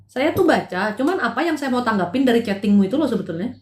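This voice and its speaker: A woman's voice: on the high side, lively intonation, fast, a little mellow. A middle-aged woman counseling live-stream viewers on their marriages in casual chat, direct and scolding by turns, sometimes dropping in English phrases. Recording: roomy echo.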